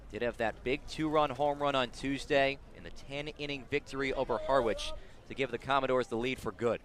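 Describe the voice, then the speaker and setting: A man with a medium-pitched, slightly bright voice delivers live baseball play-by-play for the radio. Broadcasting from outdoors at the ballpark, he keeps his calls clipped and lets them rise with the action.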